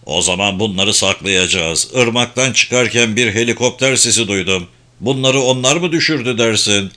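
A man reads a stubborn old fisherman in an audiobook, low and grumbling. The tone is bright. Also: moderate pace.

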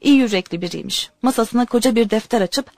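A woman's voice: on the high side, fast, darkish tone, dry recording, studio quality. Woman telling a story expressively. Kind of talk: storytelling narration.

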